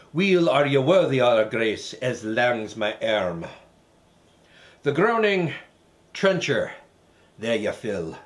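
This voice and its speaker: A man voicing a theatrical poem reciter in a put-on Scottish accent, declaiming loudly with rolling emphasis. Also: mid-range voice.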